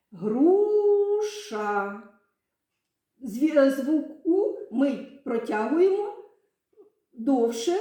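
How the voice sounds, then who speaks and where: A woman's voice: on the high side, mellow. A woman teaching young children a literacy lesson, patiently stretching out words to show their syllables. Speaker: primary school teacher. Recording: very echoey room.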